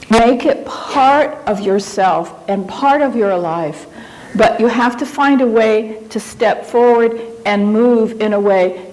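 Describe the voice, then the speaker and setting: A woman's voice: a little high, darkish tone, rough recording. A woman from Japan giving a conference lecture in an auditorium, speaking reflectively and conversationally as she searches for her words.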